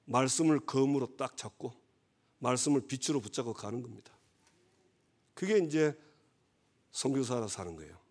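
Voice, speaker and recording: Husky man preaching. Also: mid-range voice, expressive, normal speed, pauses often. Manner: conversational, asks the congregation for agreement. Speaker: pastor. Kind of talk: sermon.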